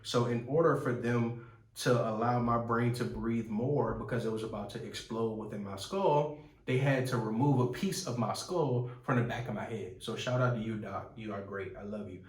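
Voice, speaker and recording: A man's voice: medium pitch, normal speed. A man in his twenties giving an earnest, rambling personal testimony with frequent restarts. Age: 20s. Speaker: testimony speaker. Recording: roomy, from some distance.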